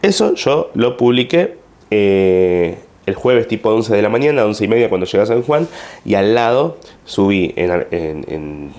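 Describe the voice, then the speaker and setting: Man, Argentine accent, comedian, low pitch, casual storytelling, animated, filler-heavy. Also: a little slow. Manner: rambling, animated retelling with frequent fillers.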